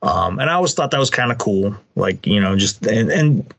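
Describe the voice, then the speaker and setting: A man co-hosting a podcast in casual chat, relaxed and agreeable, with lots of fillers and restarts. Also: on the low side, normal speed, vocal fry. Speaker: podcast co-host.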